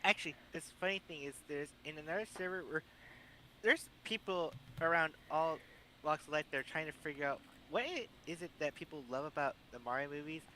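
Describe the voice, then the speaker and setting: A podcast co-host chats casually in a brisk, bright, pushed voice that runs on the high side, with a little hiss or hum in the audio. He often stammers and restarts his sentences, and he reads out lists.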